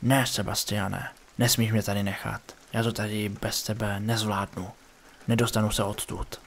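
Scared young male friend in a horror story, read by a man, low voice, anxious and pleading. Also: little pitch movement, a little hiss or hum, lightly acted.

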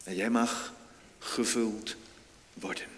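Slow-preaching man in a reverberant church. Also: fairly even intonation. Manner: slow preaching with sudden emphatic swells in pitch and loudness. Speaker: pastor. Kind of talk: sermon. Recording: long church reverb, faint noise.

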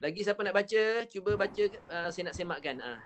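With a Malaysian Malay accent, a man teaches Quran recitation in an online class over video call, patiently sounding out each sound slowly and repeating it. His voice sits high and is expressive.

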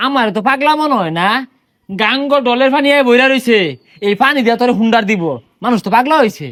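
A man's voice: very high voice, fast, a bit bright, no room sound, clean studio sound. A man with a playing a bossy, teasing village elder in a comedy sketch. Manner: teasing, bossy, breaks into folk songs. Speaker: comic village elder character. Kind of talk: rustic comedy sketch in dialect.

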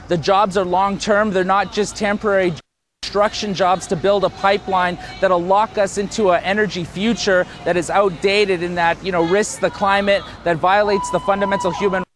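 A man's voice: high voice, fairly bright tone. A man in his thirties, a protest organizer, speaking passionately and fluently with some fillers in a live outdoor news interview.

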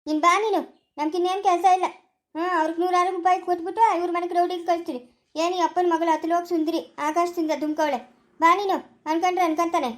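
A woman playing a squeaky quick scolding village wife. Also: flat delivery. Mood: bickering. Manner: scolding, bickering. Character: quarrelsome sharp-tongued village woman. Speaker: family skit actor. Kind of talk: village family skit acting.

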